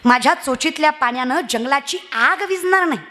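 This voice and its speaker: Brief: a woman doing a small, determined fable sparrow, sweet but firm, bright voice. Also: high voice, a little fast, pitched below the performer's own voice. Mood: resolute. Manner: gentle, firm. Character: tiny brave sparrow, sweet and resolute.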